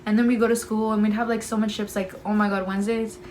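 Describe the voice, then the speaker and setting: A young woman vlogging, chatting casually with her sister and telling lively stories full of "like". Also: mid-range voice, quick pace, low-quality recording. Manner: chatty, many "like"s, lively storytelling. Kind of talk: casual sibling chat.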